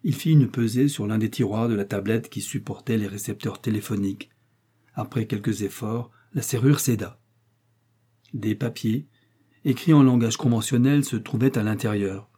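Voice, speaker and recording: Male audiobook reader, mellow husky tone, steady novel narration. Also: on the low side. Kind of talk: scripted narration of a wartime novel.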